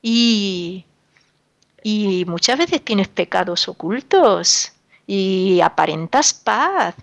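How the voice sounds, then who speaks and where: Speaking extremely slowly in a gravelly, medium-pitched voice with lively intonation, a woman delivers a radio sermon with no echo. She is a religious radio speaker, emphatic and admonishing, repeating words and posing rhetorical questions in a sorrowful tone.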